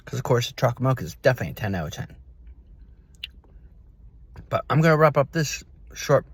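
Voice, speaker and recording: A man hosting a casual taste-test review vlog, speaking to camera in short, halting phrases. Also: medium pitch, sing-song, husky, no room sound.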